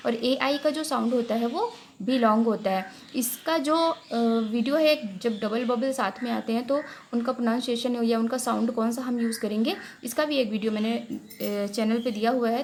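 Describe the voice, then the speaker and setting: Higher-voiced woman teaching phonics. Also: darkish tone, a little hiss or hum. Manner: drawn-out example words, frequent "theek hai" check-ins. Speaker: English teacher. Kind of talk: explanatory lesson voice-over.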